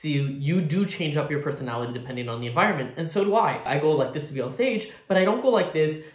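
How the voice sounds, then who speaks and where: A man with a sassy, expressive drag queen manner, giving casual reaction commentary in an indoor room. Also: fairly high pitch, fast, roomy sound. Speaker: drag performer reacting to a video. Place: indoor room at home, with hard walls.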